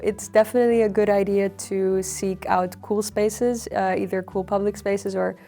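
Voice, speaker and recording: Young woman, researcher, flat even delivery, frequent fillers, faint music behind. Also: medium pitch, moderate pace, gravelly. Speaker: PhD researcher on extreme heat. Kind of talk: explanatory interview answers.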